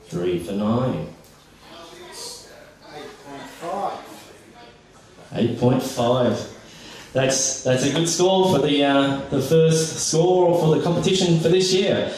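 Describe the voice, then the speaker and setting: A man MCs a poetry slam at an unhurried pace, repeating himself as he announces. The sound is very echoey and distant. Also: medium pitch, expressive, a little mellow. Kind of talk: live event announcing. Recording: very echoey hall, distant microphone.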